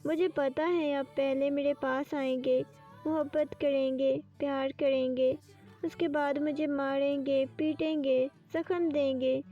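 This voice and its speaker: A woman's voice: high-pitched, dark tone, close to an everyday voice. A woman voicing a frightened young bride who accuses men in tearful, pleading words. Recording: distant dull lo-fi with faint music.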